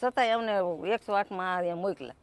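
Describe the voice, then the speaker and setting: A woman's voice: medium pitch, fast talker. A woman speaks, relating events to a news interviewer at length. She rambles and keeps quoting what others told her, in an unpolished everyday way. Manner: rambling, repeats quoted speech. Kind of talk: emotional spoken account.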